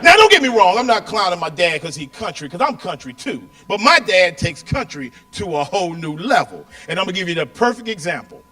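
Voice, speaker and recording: A man in his forties doing a stand-up comedy set, loud and punchy, throwing "right?" at the crowd in a live venue. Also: high voice, sing-song, brisk, hardly any pauses. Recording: echoey venue, mic from a distance, audience.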